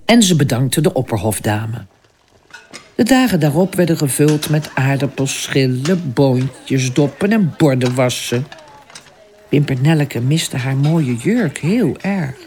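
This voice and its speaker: A storyteller reading a fairy tale aloud in an expressive, unhurried way. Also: mid-range voice, slight background noise.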